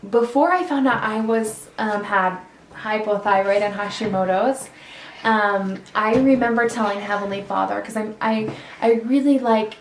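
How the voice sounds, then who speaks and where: A woman's voice: medium pitch, moderate pace, a little hiss or hum. Woman, 30s, vlogger, earnest and chatty with many restarts, faint household ambience behind. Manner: earnest, rambling, frequent ums and restarts. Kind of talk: casual chat to camera. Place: indoors in a borrowed home. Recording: roomy sound from a distant mic.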